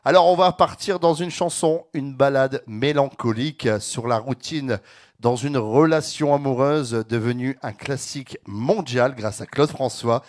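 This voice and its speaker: A man's voice: medium pitch, measured pace. A man hosting a live radio show from the studio, upbeat as he presents and reads out listener messages. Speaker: radio host.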